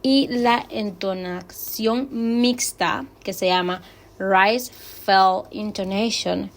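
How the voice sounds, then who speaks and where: Slow Latin American woman teacher, patient, repeats English phrases for learners. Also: medium pitch. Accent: Latin American Spanish. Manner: explains patiently, models English phrases slowly and repeats them. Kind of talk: online language lesson.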